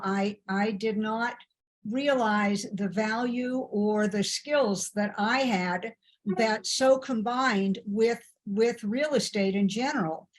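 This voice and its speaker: A middle-aged woman from Ohio, a guest in an interview, telling her story in a chatty way with hesitant fillers. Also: fairly high pitch. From Ohio, USA. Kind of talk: conversational storytelling.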